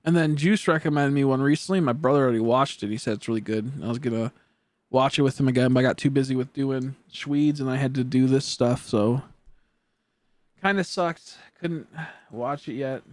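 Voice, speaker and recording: A teenage boy chats loosely while he plays a game on stream, wandering from thought to thought and letting his words drop into mumbles. His voice sits at a middling pitch for a young man. The sound is dry and close, with no room around it. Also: brisk, no echo. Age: teens. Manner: rambling, trailing off into mumbles. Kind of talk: casual chat while gaming.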